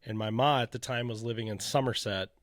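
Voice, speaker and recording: A man's voice: medium pitch, fairly even intonation, brisk, no room sound. Man, casual candid storyteller with a mid-range voice and a dry close-mic sound. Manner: candid, rambling retelling with many "you know" asides. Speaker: podcast co-host telling his faith story.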